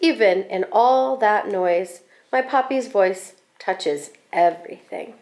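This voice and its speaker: In a mid-range voice, a woman reads a children's picture book aloud with plenty of expression. Her phrasing is deliberate and animated, and she stretches out certain words.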